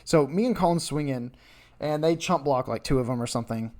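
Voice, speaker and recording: A man's voice: mid-range voice, fairly quick. A young man casually recounting a tournament match, rambling and correcting himself as he tells it. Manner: rambling, self-correcting, animated retelling. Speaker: card game content creator. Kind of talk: casual storytelling recap.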